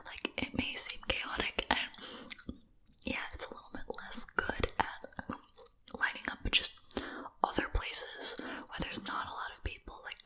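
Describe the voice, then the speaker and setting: A woman's voice: measured pace, pauses often, sharp tone, poor audio. Whispering woman rambling while chewing gum. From Japan. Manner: rambling, giggly asides. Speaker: host of a rambling ASMR video. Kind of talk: whispered ASMR casual chat.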